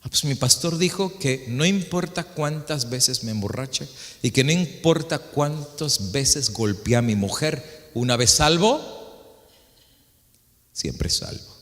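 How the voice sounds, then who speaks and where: A man voicing a remorseful middle-aged church elder who confides in a low, subdued tone. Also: lively intonation, slow pace, fairly bright tone, big-room sound. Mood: confessing.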